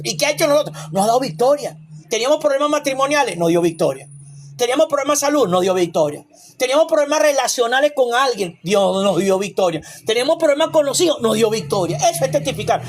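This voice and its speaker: A man preaching a sermon as a pastor, emphatic and repetitive, with rhetorical questions and asides. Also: extremely high pitch.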